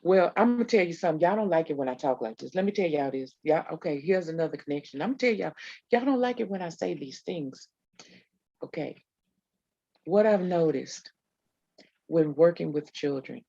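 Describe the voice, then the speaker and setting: A woman's voice: low-pitched, expressive, fairly quick, creaky, warm tone, breathy edge, no echo, lo-fi sound. A woman co-hosting a casual podcast, emphatic and talking straight to listeners as y'all. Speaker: podcast co-host.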